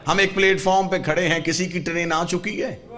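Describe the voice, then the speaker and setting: A man preaching a sermon to a gathered congregation, telling a story and swinging from soft, low narration to loud, fervent exclaiming. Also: steady tone. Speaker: Shia cleric preaching a majlis. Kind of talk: Urdu majlis sermon with storytelling. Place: gathering hall with a live congregation. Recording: crowd audible behind the preacher.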